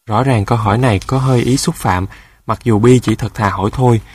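A man narrating a children's storybook in a calm, even manner. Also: mid-range voice, fairly quick, husky.

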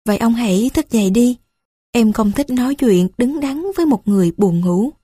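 A woman voicing a young girl who is gentle, earnest and teasing in a calm, soft-spoken way. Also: on the high side, moderate pace, breathy edge, dry recording, clean studio sound.

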